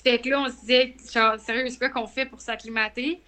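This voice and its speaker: A young woman with a Quebec French accent, chatting casually and telling a story in an animated way, acting out the lines she quotes. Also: fairly high pitch, a little fast. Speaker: guest runner. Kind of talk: casual podcast chat.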